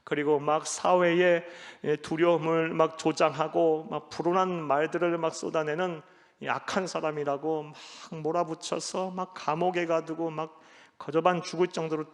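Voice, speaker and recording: A man preaching a sermon as pastor, emphatic, swinging between loud exhortation and low, quiet passages. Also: gravelly. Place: church sanctuary. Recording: church hall reverb.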